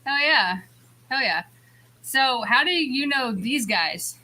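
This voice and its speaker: A woman's voice: high-pitched, lively intonation, takes it slowly, bright, forceful tone, rough recording. A woman interviewing in a casual, informal chat. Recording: faint background noise.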